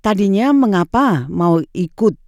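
A woman's voice: medium pitch, expressive, unhurried, darkish tone, dry recording, studio quality. A woman conducting a conversational radio interview as the interviewer.

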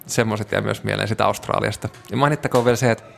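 A Finnish man appears as an interview guest, telling travel stories in a relaxed way full of fillers. His voice sits lowish and creaky, with faint music playing behind him.

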